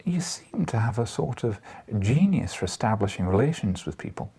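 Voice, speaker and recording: A man acting crabbed old Scottish news editor, husky breathy voice, swooping pitch, wry, avuncular, audiobook character. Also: very animated, moderate pace, dark tone, full character voice. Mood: coaxing. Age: older.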